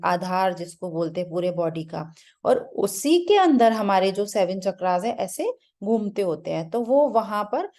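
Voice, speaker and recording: Mellow-voiced woman teaching meditation. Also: mid-range voice. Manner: loose, searching, with frequent restarts and fillers; mixes English words into the talk. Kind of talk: spiritual talk.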